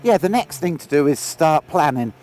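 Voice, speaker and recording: Riding a motorbike outdoors, a man congested with a head cold chats and jokes casually, picked up by an action camera on the bike. His voice is on the high side and a little mellow, with lively intonation and a moderate pace.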